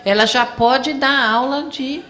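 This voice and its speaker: Bright-voiced woman giving a lecture. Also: high voice, takes it slowly, slight background noise. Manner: explains step by step, checks in with the audience often. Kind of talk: classroom lecture.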